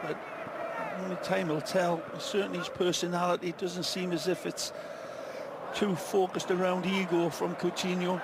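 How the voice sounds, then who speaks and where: A man's voice: high voice, little pitch movement, normal speed. A man giving colourful, flowery analysis as co-commentator on a live football match. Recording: loud stadium noise behind. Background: football stadium crowd.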